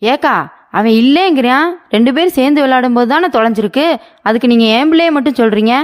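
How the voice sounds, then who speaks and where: A woman's voice: high voice, quick pace, natural voice. A woman voicing a mother in a cartoon story who argues indignantly with a neighbour to defend her son. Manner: indignant, argumentative.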